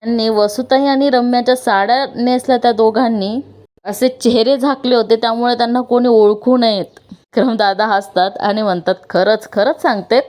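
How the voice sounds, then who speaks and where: A woman's voice: fairly high pitch, steady tone, normal speed, darkish tone. A woman reading a voice-over recap of a TV serial episode, in plain storytelling narration. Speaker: TV serial reviewer.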